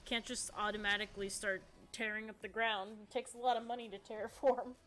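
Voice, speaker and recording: A woman's voice: mid-range voice, little pitch movement, a little fast, fairly bright tone. A woman in her thirties chatting casually on a live stream, answering viewers in a rambling, chatty way. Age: 30s. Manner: chatty, rambling, reading chat aloud.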